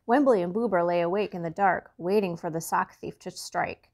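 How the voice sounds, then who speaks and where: A woman reading a children's storybook aloud to young listeners, chatty and expressive. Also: fairly low pitch, normal speed.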